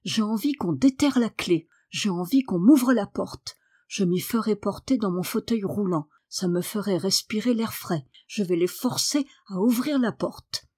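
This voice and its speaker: A woman's voice: mid-range voice, a little slow, dark tone, breathy edge, dry recording, clean studio sound. A woman reading an audiobook voices a sickly boy who speaks in a weary, sullen way. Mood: insistent. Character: sickly boy, moody and listless.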